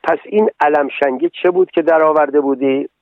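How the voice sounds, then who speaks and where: A man voicing a kind, motherly fairy in a storybook reading, speaking calmly and gently scolding, over a tinny radio broadcast. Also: on the high side, no room sound, lightly acted. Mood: gentle.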